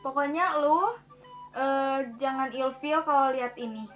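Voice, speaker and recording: A woman's voice: sits high, a little slow, dull audio, soft background music. A young woman chatting casually to camera as a vlogger, slangy and talkative, often laughing and calling her viewers guys.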